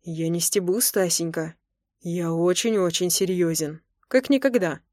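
A woman's voice: on the low side, unhurried, a little mellow, dry recording, clean studio sound, natural voice. A woman voicing a playful young husband who teases his wife with an amused drawl in an audiobook. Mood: teasing. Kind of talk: audiobook character voice.

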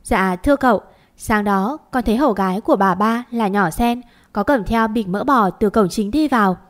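A woman's voice: mid-range voice, moderate pace, close to an everyday voice. A woman voicing a humble male servant who reports politely in a storybook reading. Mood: deferential. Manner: polite, deferential.

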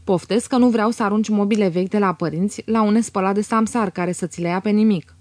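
A woman's voice: medium pitch, a little mellow, no room sound, close to an everyday voice. Woman doing a bossy, scolding sister. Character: domineering middle-aged sister, sharp-tongued.

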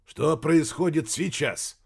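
A man's voice: a little high, slow, creaky, darkish tone, slightly rough, pitched above the performer's own voice, heavily acted. A man voicing a stern, curt male admiral in an audiobook, barking short orders. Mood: commanding. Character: stern commanding male admiral, middle-aged. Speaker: audiobook character.

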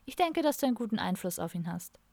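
A woman's voice: medium pitch, very animated, quick pace, vocal fry, a little mellow, no echo. Woman reading an amused hippie woman. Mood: teasing. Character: warm, amused hippie woman around fifty.

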